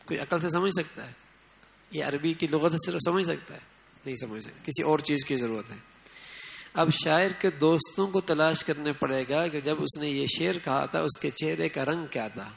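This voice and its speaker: A man gives an Islamic sermon in a loose, conversational way, often tossing questions to his listeners. His voice sits a little high and has a gravelly rasp. He leans hard on quoted lines when he acts them out. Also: a bit bright, poor audio. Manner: conversational, asks the audience often. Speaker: preacher.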